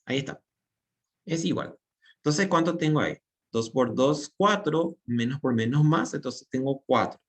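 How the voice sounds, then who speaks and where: A man teaching a math class in an ordinary mid-range voice. He works through each step out loud as he writes and keeps asking himself questions that he then answers. His delivery is patient and methodical. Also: mid-range voice, expressive, moderate pace. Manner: explains step by step while writing, asks and answers his own questions. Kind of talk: recorded class lecture.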